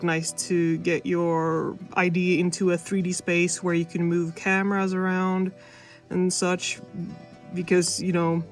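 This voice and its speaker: A woman narrating a devlog in an informal, self-deprecating way, recorded close under a blanket on an older camera's mic. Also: on the low side. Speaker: animation student vlogger. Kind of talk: casual devlog voice-over narration. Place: under a blanket indoors, processed in editing. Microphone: older camera used as mic. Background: music.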